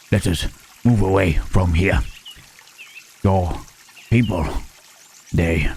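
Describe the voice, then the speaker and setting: A man playing a gentle, lonely male monster in an ASMR roleplay, speaking haltingly and formally in a husky voice. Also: low voice, slight background noise. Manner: halting, formal speech without contractions, trailing "huh?". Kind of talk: ASMR roleplay, intimate scripted monologue to listener.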